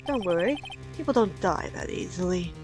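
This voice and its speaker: A woman playing a measured, falsely polite and menacing male kidnapper in a video game. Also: on the low side, expressive, music in the background, natural voice. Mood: calm menace. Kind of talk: amateur video game voice-over.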